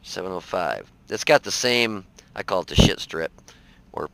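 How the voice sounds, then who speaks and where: A man's voice: sits low, expressive, normal speed, creaky, a bit bright, poor audio. A man casually commenting on his own tank gameplay, rambling and folksy with many fillers, sounding tired. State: tired, yawning. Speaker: game reviewer.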